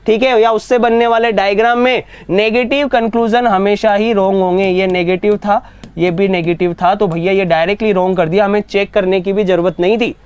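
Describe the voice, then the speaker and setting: A man teaching an online reasoning class, often asking whether students have understood and reading statements out slowly. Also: high voice, steady tone, clear, resonant tone. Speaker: exam coaching teacher.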